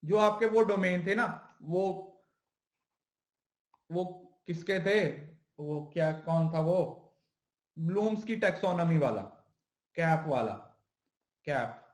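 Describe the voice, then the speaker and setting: A man gives an exam-prep lecture in a high voice, mixing Hindi with English terms. He asks his listeners questions, answers them himself and repeats each key term. The room around him echoes noticeably. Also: expressive, takes it slowly, long pauses. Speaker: teacher.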